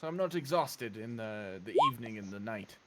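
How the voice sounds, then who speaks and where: A man's voice: on the low side, animated, fairly quick, a crowd in the background. A man playing a tabletop game, chatting casually, often laughing and joking. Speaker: player. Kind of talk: casual tabletop play chat.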